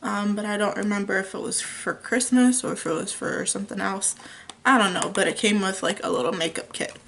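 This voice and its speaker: A young woman at home, chatting through a makeup tutorial in a casual, unhurried way with frequent ums. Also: medium pitch, steady tone, vocal fry, a bit bright, a little hiss or hum. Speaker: beauty vlogger.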